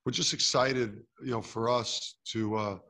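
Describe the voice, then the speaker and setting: At a postgame press conference with a sponsor backdrop behind him, a middle-aged head basketball coach responds to questions through a close table mic. His mid-range voice is sharp in tone, fairly even in intonation and measured in pace, though full of fillers and restarts.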